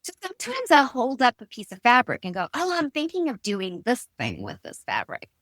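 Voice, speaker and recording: Interviewed as a guest, this stylist and designer, a middle-aged South African woman, tells emphatic, expressive stories and personal anecdotes. Her voice is a little high and fairly quick, captured in clean studio sound with no echo.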